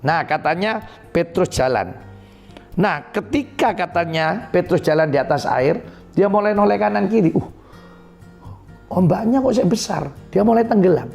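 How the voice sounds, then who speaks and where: A man's voice: sits high, expressive, moderate pace, gravelly, darkish tone, faint music behind. A male pastor with an East Javanese accent, animatedly retelling a Bible story in a sermon and driving points home with repeated phrases. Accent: East Javanese Indonesian.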